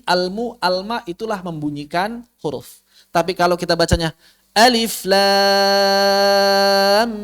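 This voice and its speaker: Brief: high-pitched male tajwid teacher, online class, quizzes his students and draws out the letters. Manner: explains with repeated questions to students, drawn-out recited letters. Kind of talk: online recorded class lesson.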